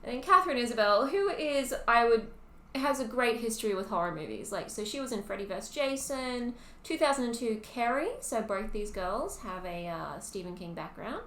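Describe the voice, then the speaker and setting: A woman in her twenties with an Australian accent, co-hosting a podcast in casual chat, talkative and quick to laugh. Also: a little high, expressive, a bit bright. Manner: chatty, laughs often, lots of ums. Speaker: podcast co-host. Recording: roomy with faint ambient noise.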